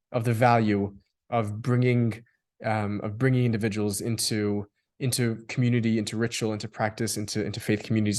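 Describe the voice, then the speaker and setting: An Australian man with a lowish voice and darkish tone appears as a guest in a reflective discussion. Thoughtfully, he builds long explanations, often restarting and repeating words as his sentences grow.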